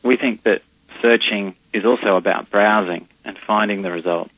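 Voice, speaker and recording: Over a dull, muffled phone line, a deep-voiced Australian CEO answers radio interview questions at a moderate pace in a husky, low voice. He hesitates often, full of "uh" and restarts, and the close recording is dry.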